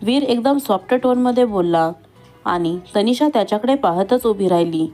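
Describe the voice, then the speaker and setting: Woman narrating a story over soft music. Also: expressive, normal speed. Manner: reads every character in her own voice, dialogue a bit higher.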